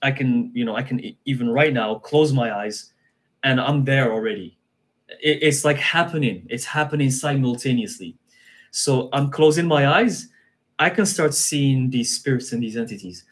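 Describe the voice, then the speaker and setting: Relaxed man chatting with repeated phrases. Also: mid-range voice, moderate pace. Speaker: guest practitioner. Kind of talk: casual live-stream conversation.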